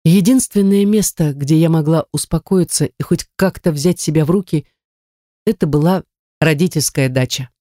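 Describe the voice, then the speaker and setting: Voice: mid-range voice, moderate pace, mellow, no room sound, studio quality. An audiobook narrator telling a first-person story in a brash, crude and sardonic way, in a mid-range voice.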